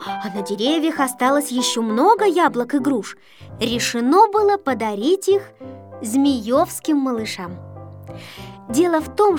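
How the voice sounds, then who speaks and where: A woman narrating a children's storybook in an expressive, engaging way. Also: sits high. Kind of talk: storybook reading.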